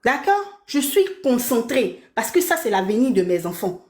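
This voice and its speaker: A woman's voice: on the high side, big pitch swings, moderate pace, darkish tone, roomy sound. A woman from Belgium on a heated live stream, speaking from her apartment, indignant and repeating her points.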